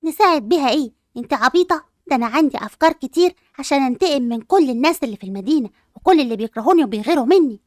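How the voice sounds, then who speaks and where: A woman's voice: very high voice, expressive, rapid-fire, a bit bright, dry recording, clean studio sound. A woman with an Egyptian accent voicing a spoiled, jealous and vengeful schoolgirl who talks in a whiny, defiant way. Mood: spiteful. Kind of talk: amateur role-play dub.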